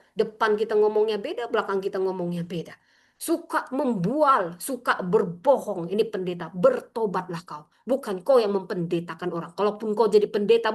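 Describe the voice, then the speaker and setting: A woman pastor preaching an expository sermon, emphatic, often calling out to her congregation and mocking critics in shrill put-on voices. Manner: emphatic preaching, addresses congregation as brothers and sisters.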